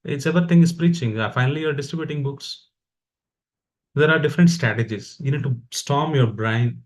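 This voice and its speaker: A man's voice: mid-range voice, brisk. A man with an Indian accent delivers an informal devotional talk. He exhorts his listeners in a conversational, motivating way, as a fellow practitioner would.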